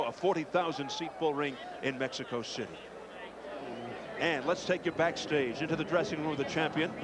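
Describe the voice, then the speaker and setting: High-voiced male boxing commentator over roaring crowd. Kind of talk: live sports commentary. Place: ringside at an open-air bullring. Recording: loud crowd and heavy venue noise.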